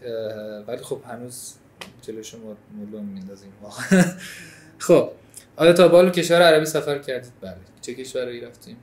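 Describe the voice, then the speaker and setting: An Iranian man co-hosts a relaxed, chatty conversation, telling stories earnestly at a middle pitch. The sound is roomy, with a clear echo around his voice. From Iran. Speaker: co-host. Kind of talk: casual chat.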